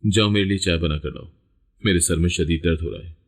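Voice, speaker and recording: A man's voice: sits low, fairly quick, breathy edge. Cruel bossy aunt, read by a man. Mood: harsh commanding. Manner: curt commanding lines, plainly read. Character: harsh bossy aunt by marriage, cruel woman.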